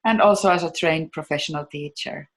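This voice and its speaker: A woman's voice: deep voice, brisk. Woman introducing a video. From Finland. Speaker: host.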